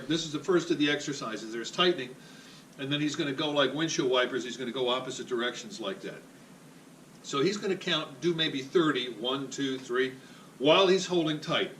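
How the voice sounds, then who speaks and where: A man's voice: fairly high pitch, fairly bright tone, a little hiss or hum. Upbeat joking man coaching exercises. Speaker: physical therapist. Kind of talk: exercise demonstration. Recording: echoey room, voice from a distance.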